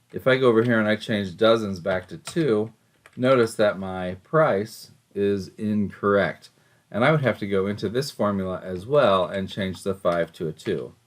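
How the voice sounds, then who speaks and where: A man giving an informal software tutorial, explaining each step as an instructor. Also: on the low side.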